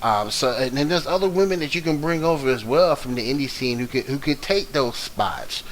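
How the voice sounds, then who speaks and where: A man hosting a casual sports talk review, steady and listing names between ums. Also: medium pitch, fairly quick, a little hiss or hum, rough recording. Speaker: host.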